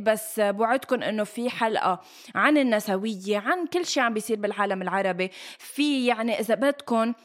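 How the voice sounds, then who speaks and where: A woman with a Levantine Arabic accent, chatting casually as a podcast co-host. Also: medium pitch. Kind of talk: casual chat.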